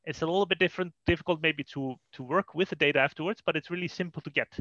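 Presenting indoors over a video call, an Icelandic-accented data consultant explains technical material informally at an online meetup, peppering his talk with "you know." He speaks quickly in a fairly high, pushed, bright voice, with no room sound but dull, lo-fi online call quality.

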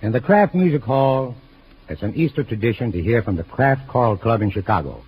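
A male radio announcer in a measured, formal 1940s manner. The sound comes from an old broadcast recording, muffled and dull in tone, with a faint hiss running underneath. His pitch sits in an ordinary middle range. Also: lively intonation. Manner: measured, polished announcer delivery.

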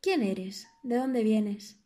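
A woman's voice: fairly high pitch, drawn-out words, mellow. A woman voicing a pair of mocking, gossipy sea waves in an audiobook, squealing and melodramatic. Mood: dramatic. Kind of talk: audiobook character voice.

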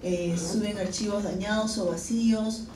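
Recorded from far off in an echoey conference hall with a noisy background, this talk comes from a woman in her forties representing a research funding agency. She has a Peruvian Spanish accent and a mid-range voice with fairly even intonation, speaking at a moderate pace into a handheld mic. Her explanatory delivery is full of fillers and restarts.

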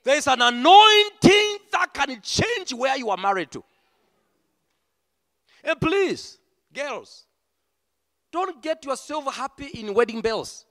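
A middle-aged man preaching a passionate sermon as senior pastor, mixing in Swahili phrases and rising to shouts. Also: very high voice, very animated, slow pace, pauses often, no room sound, studio quality, big-room sound. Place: church hall.

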